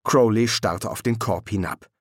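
A man narrating an audiobook in a measured, expressive storytelling manner. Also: fairly low pitch, no room sound, studio quality. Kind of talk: scripted narration.

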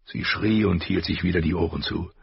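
A man narrating an audiobook in a measured, even storytelling manner, on a slightly dull recording. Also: low-pitched, gravelly, breathy edge.

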